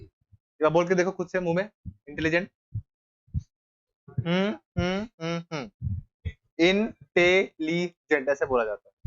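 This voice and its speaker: A young male teacher giving a grammar lesson in a classroom, explaining step by step and often checking with his students. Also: high voice. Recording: dull lo-fi recording.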